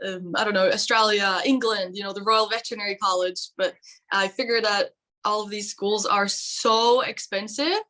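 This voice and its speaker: A Norwegian vet student in her twenties, appearing as a guest, chats casually and laughs often, packing her talk with "like" and "you know." Her medium-pitched voice is bright and forceful, with a steady tone at a normal speed.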